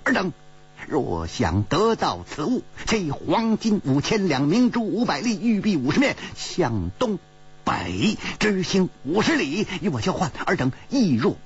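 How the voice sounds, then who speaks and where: A man's voice: sits high, very animated, unhurried, slightly rough, muffled recording, faint music behind, voice pushed up, heavily acted. A man voicing an earnest male swordsman who eagerly recounts what he saw, in a storytelling audiobook. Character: earnest male thief-hero reporting his scouting.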